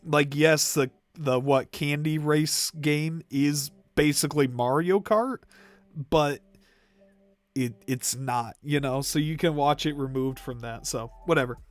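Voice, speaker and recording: A young man hosting a livestream ranks movies in casual chat, rambling with fillers. His throat is irritated and he coughs now and then. His voice is a little high and he speaks unhurriedly.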